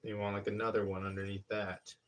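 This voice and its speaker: A man in his thirties with a lowish voice chats casually on a live stream while working at a pottery wheel, talking a little fast in a level tone. He rambles and hesitates as he explains each hands-on step, and his voice is picked up from a distance.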